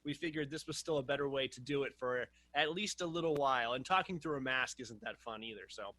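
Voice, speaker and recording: A man's voice: medium pitch, brisk, sharp tone. A man hosting a conversational TV interview over a video call. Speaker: TV host, interviewer.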